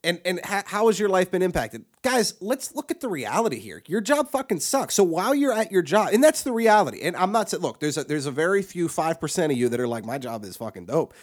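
A man's voice: high-pitched, sing-song, fairly quick, hardly any pauses. A man co-hosting a podcast, ranting crudely and profanely, with frequent restarts and repeated words. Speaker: podcast co-host. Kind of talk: crude comedic rant.

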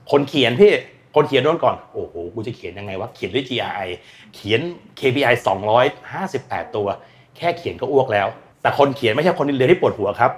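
A man talking as a guest expert on energy and climate in casual, blunt, slangy speech, acting out quoted voices. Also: mid-range voice. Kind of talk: casual explanatory talk.

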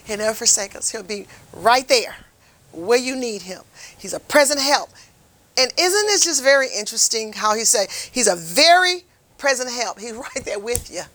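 High, bright-voiced woman preaching. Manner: impassioned, folksy, swings from loud to hushed. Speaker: Bible teacher for a prison ministry. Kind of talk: preached Bible lesson.

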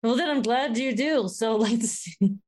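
A woman's voice: on the high side, measured pace, darkish tone, slight background noise. A woman co-hosting a podcast over a remote call, joking and laughing through casual chat. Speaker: podcast co-host.

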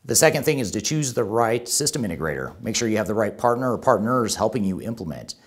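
Man, very deep voice, top ten countdown host, semi-scripted explainer, emphatic restating of key points. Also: big pitch swings, fast, slightly rough. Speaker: YouTube host and presenter.

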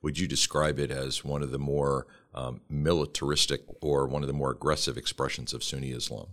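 Male host, extremely deep voice, measured and formal, podcast interview. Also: flat delivery, fairly bright tone. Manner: measured, formal, preacherly phrasing.

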